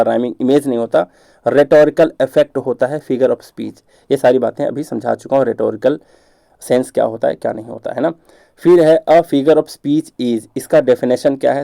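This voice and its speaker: A man teaching an exam-prep grammar lecture, explaining patiently, checking understanding with questions, and reading English examples slowly. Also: mid-range voice, gravelly, warm tone, no echo.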